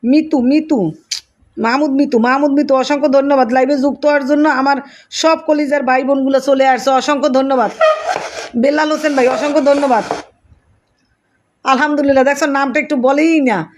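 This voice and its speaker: A woman's voice: high-pitched, fairly even intonation, normal speed, long pauses, a little mellow, slight background noise. A woman hosting a live stream, reading out viewers' comments, greeting them by name and thanking them over and over.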